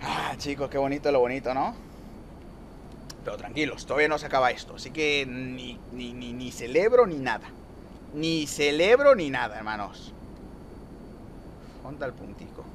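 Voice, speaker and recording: A young man giving lively gameplay commentary, talking to viewers and teasing rivals. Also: medium pitch, normal speed, long pauses, slight background noise. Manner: excitable, talks to viewers and rivals, trash-talks. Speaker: gaming youtuber.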